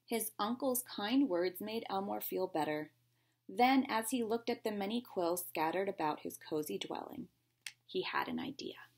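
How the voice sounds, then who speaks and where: A woman reads a picture book aloud to young children the way a teacher would, expressive and animated, offering simple explanations and questions along the way. Her voice is medium-pitched with a darkish tone at normal speed, and there's slight background noise.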